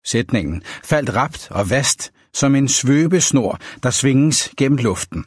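Husky male audiobook narrator. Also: mid-range voice, expressive, dry recording, clean studio sound. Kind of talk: audiobook reading of a novel.

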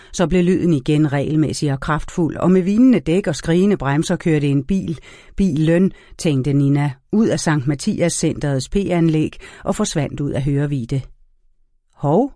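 A man reading a novel aloud as an audiobook narrator in a measured, even storytelling manner. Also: fairly high pitch, dry recording, clean studio sound. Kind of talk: scripted narration.

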